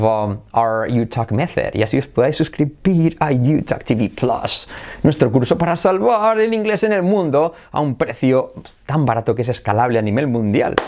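A young man giving a casual online English pronunciation lesson, lively, with fillers and self-corrections, jumping into high exaggerated English examples.

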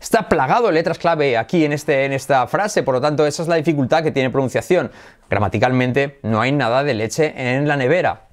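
A man gives an English pronunciation lesson. His voice sits at a medium pitch. He explains each key sound and repeats practice sentences slowly for the learners. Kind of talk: spoken language lesson.

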